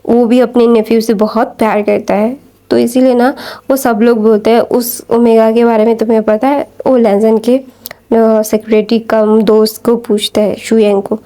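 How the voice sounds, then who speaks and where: A woman retells a story in a casual, rambling way, full of fillers and false starts. Her voice sits a little high and sounds mellow and soft. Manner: rambling, many fillers and restarts.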